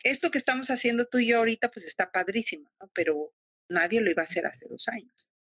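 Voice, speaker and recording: A woman's voice: on the high side, lively intonation, quick pace, a bit bright, breathy edge, no room sound. A middle-aged woman with a Mexican accent, telling her story emotionally and animatedly as a guest in a casual interview. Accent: Mexican Spanish. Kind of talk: casual interview over video call.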